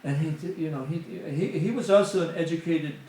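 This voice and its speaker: A middle-aged guest speaker at a temple satsang delivers a chatty spiritual talk, leaning often on "you know." His somewhat high, slightly mellow voice moves fairly quickly, and the hall echoes heavily.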